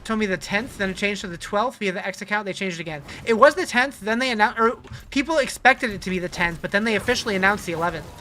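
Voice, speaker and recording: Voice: medium pitch, fast talker, hardly any pauses, pushed and bright, slight background noise, low-quality recording. A game streamer chatting casually and answering viewers' questions in a conversational way. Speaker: livestreamer. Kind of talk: casual live-stream chat while gaming.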